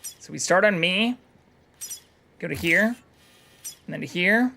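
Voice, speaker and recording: A man streaming a game live, talking in a high, bright voice. He muses aloud in a loose, profane way. A faint hum of noise sits behind him. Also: measured pace, vocal fry. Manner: casual, profane, musing aloud.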